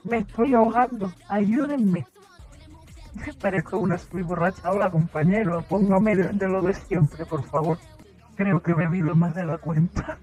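A woman's voice: mid-range voice, moderate pace, mellow, slightly rough, faint music behind, lightly acted. A woman voicing a tipsy drunk at a bar, in dull lo-fi sound. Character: tipsy high-voiced drunk ordering at a bar.

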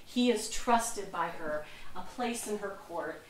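A woman's voice: medium pitch, animated, slow pace, a little hiss or hum. Chatty woman docent in an echoey room. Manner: chatty, laughs at herself, loses words. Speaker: museum docent. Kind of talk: informal history talk. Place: museum lecture room. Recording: echoey room, mic far off.

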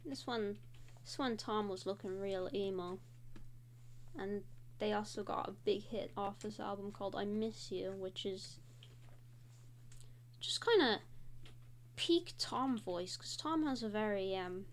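A woman's voice: medium pitch, a little slow, pauses often, a little hiss or hum. A young woman hosting a casual draw-and-talk video, chatting in a rambling way with frequent fillers. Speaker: host.

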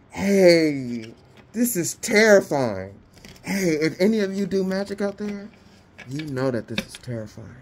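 A woman's voice: deep voice, a little mellow, a little hiss or hum. A woman doing a casual tarot reading, talking to her viewers in a slangy, exclamatory way. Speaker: tarot reader.

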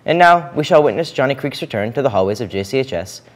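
Brisk teen boy news anchor. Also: medium pitch, animated. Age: teens. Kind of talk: reading announcements. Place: school studio, indoors.

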